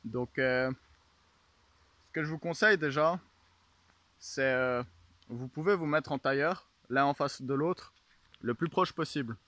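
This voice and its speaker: A man speaks in a medium-pitched voice as an instructor. He guides listeners through meditation and exercises in an informal teaching style. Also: a little slow, long pauses, sharp tone, no echo.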